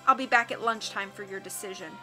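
A wheezy, smug villain in disguise gloats over his captives in a storybook reading, as a woman puts him on. The voice drops low and quiet and keeps a sneering, cruel edge. Faint music plays underneath. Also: fairly quick. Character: scheming male villain in a detective disguise.

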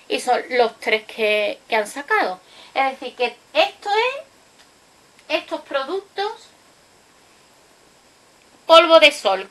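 Woman beauty vlogger doing swatches, high bright voice, slow and chatty. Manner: chatty, explains with frequent tag questions. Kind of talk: casual makeup swatch review. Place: indoors at home, recorded late at night.

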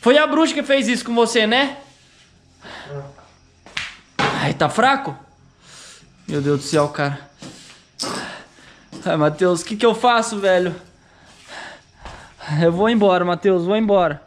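A man's voice: high-pitched, lively intonation, a little slow, long pauses, a little hiss or hum. A man with a Brazilian Portuguese accent, filming an acted horror vlog and talking anxiously to his viewers while calling out for a missing friend. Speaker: YouTuber. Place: outdoors at a country house at night.

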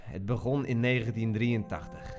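A man's voice: fairly low pitch, normal speed. A man voicing his character in a game roleplay, a joking, cocky robber. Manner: joking, cocky, says grap a lot. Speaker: roleplay gamer playing a robber.

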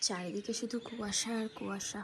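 A woman with a Bengali accent chatting softly in her home kitchen for a daily vlog, keeping her voice low so as not to wake the household. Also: steady tone, fairly quick, echoey room, background noise. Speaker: vlogger.

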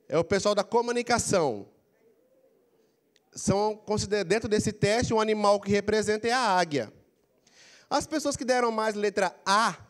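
A middle-aged Brazilian man with a handheld mic, giving an animated career coaching lecture in a large auditorium, prompting the audience to repeat phrases. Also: high voice. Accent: Brazilian Portuguese. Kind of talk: lively motivational lecture. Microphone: handheld mic, walking the floor.

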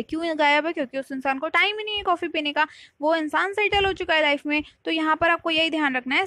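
A woman with an Indian English accent teaching vocabulary in an online lesson, repeating key words and asking the viewer quick checking questions. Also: sits high, sharp tone, dry recording, clean studio sound.

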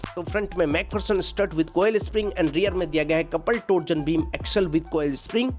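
A man with a fairly high voice presents a car walkaround review, working through features one after another at an even pace. Soft music plays faintly behind him. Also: takes it slowly. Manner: steady feature-by-feature listing. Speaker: car reviewer and channel host.

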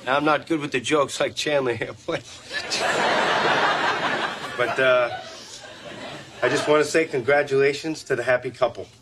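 An actor playing a simple, homesick young man giving a halting best-man toast. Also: medium pitch, steady tone, heavy background noise, lightly acted. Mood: earnest. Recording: TV sitcom with loud laugh track.

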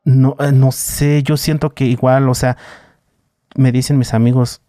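A man's voice: mid-range voice, measured pace, dry recording, clean studio sound. A man with a Mexican accent, a podcast guest, recounting a personal story in casual slang and acting out the others' lines. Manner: animated retelling with slang and voices for others.

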